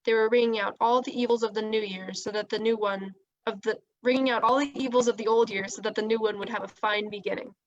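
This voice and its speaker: A woman reading a children's novel aloud, with steady, expressive storytelling. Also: a little high, fast talker, few pauses, muffled recording. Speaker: reader.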